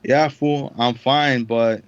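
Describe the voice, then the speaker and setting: A man's voice: medium pitch, fairly even intonation, takes it slowly, clear, resonant tone, no room sound, highs cut off. A young man, a podcast co-host, telling a story in casual, profane slang and acting out the quotes. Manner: slangy, swears a lot, acts out quotes.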